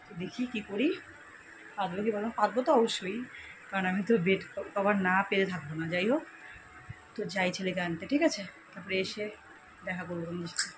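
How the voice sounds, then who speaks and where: A woman chats softly to her viewers from a balcony at home, pitched right in the middle of her range. She keeps checking whether they are following along. Clear background noise and birdsong sit behind her phone recording. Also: fast, long pauses. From India. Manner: talking softly to keep a sleeping child undisturbed. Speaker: family vlogger. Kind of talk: casual vlog chat to viewers. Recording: noisy home ambience with birds.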